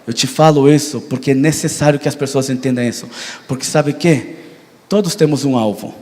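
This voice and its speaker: A man from Brazil, a pastor preaching a sermon, animated, acting out dialogue in his stories. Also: fairly quick. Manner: animated, acts out dialogue with rising pitch. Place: church hall. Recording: long church hall reverb.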